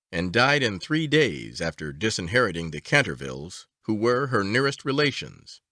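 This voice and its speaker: A man reads a story aloud as an audiobook narrator, his low-leaning voice measured and expressive in its storytelling. The studio sound is clean with no echo.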